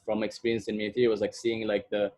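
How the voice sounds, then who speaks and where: A young man from Egypt talks through a webinar in a low, fairly flat voice. His delivery is relaxed and casual, full of "uh" and "like". It sounds like a computer mic on a video call. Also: fast. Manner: casual, many fillers like "uh" and "like". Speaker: product manager giving a webinar. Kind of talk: online presentation.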